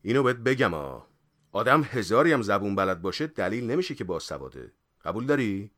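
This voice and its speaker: A man's voice: mid-range voice, expressive, pushed and bright, no room sound, studio quality, pitched above the performer's own voice. A man voicing a touchy, quarrelsome older eccentric who scolds and contradicts in a storybook reading. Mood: lecturing.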